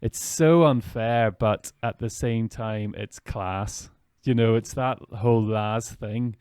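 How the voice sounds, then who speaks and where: Low-voiced reflective male podcast host. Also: slow, a little mellow, clear, resonant tone, no echo, clean studio sound. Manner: reflective, thinks aloud with restarts. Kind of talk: casual interview chat.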